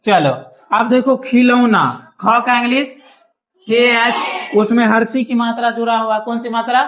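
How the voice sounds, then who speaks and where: A man's voice: extremely high pitch, little pitch movement, measured pace, fairly bright tone, a little hiss or hum. Man teaching a class, patient and repetitive. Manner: patient, repeats checks like "thik hai?". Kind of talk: classroom lesson. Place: small classroom.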